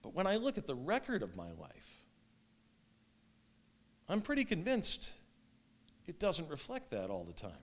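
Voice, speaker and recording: A man in his thirties preaching a sermon as pastor, speaking with wide swings in emphasis and loudness, recorded standing in a small church sanctuary. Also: fairly high pitch, wildly swooping pitch, measured pace, long pauses. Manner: gestures while preaching standing up. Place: small church sanctuary with stone fireplace, indoors.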